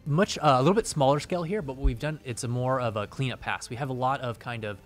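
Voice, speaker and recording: A man's voice: medium pitch, quick pace, faint music behind. A man presenting game updates as a developer in casual, explanatory show talk.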